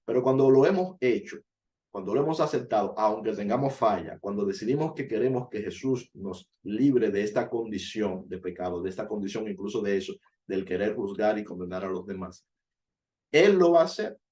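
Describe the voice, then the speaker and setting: A man's voice: on the low side, fairly quick, dark tone. A man giving an earnest Bible study sermon, explaining each point and lifting his voice on key words. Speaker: Bible teacher.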